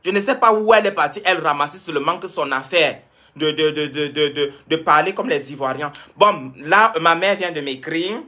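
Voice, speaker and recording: A man's voice: fairly high pitch, normal speed, bright, forceful tone. A young man from Cameroon, talking to his viewers on a live stream, answering comments and repeating points for emphasis. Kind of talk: casual live-stream talk.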